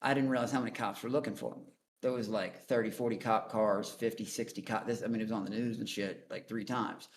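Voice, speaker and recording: A man's voice: on the low side, steady tone, fast, hardly any pauses, slight background noise. A man guest on a call-in interview, telling his story in a blunt, profane, rambling way. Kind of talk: casual storytelling.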